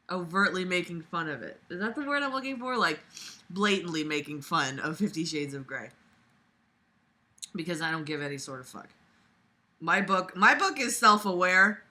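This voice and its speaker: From a bed in a small room at home, a young woman reads aloud with a lowish, pushed, bright voice. Her casual asides come across as sarcastic, exasperated and blunt.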